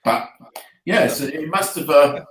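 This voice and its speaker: Lively teasing man in a roomy echo. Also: fairly high pitch, a little slow. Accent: Essex English. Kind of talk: live podcast chat.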